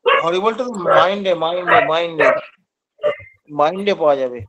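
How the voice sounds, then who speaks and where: Male teacher, high pitch, online class, explanatory and demonstrative. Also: brisk, highs cut off, heavy background noise. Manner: explanatory, acts out patients' lines. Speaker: homeopathy teacher.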